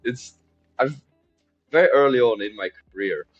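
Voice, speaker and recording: A man's voice: medium pitch, animated, moderate pace, slightly rough, soft background music. A man, chatting easily as a podcast guest and laughing readily. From Czech Republic. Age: 20s. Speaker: podcast guest, mindset coach. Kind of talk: casual interview chat. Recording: slightly dull lo-fi sound.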